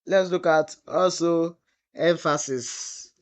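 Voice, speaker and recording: Man, web tutorial instructor, fairly high pitch, rhetorical questions, drawn-out words while typing. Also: fairly even intonation. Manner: asks the class rhetorical "what?" questions, then answers them; drawls and trails off while typing example text. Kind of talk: screen-recorded coding tutorial.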